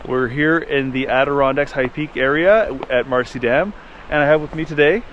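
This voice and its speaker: A man's voice: mid-range voice, moderate pace, highs cut off. A man hosting a hiking vlog, talking casually to the camera outdoors. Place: outdoors in winter mountains. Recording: faint noise, outdoor camera audio.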